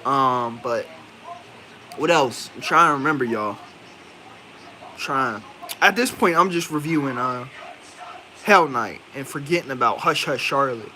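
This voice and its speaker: Bright-voiced Indian-accented man rambling casually. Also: medium pitch, expressive, unhurried, long pauses, slight background noise. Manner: rambling, slangy, thinking aloud with many fillers. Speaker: movie reviewer. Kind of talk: casual spoken movie review.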